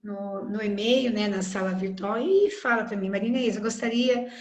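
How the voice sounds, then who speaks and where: A woman's voice: medium pitch, normal speed. A woman with a Brazilian accent teaching a recorded online literature class, chatty and full of tag questions. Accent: Brazilian Portuguese. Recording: echoey room.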